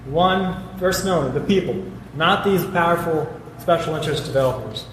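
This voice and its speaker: Earnest man speaking in an echoey hall. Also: fairly high pitch. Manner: earnest, fast, with restarts. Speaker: city council candidate. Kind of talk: debate speech. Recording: echoey hall with faint noise.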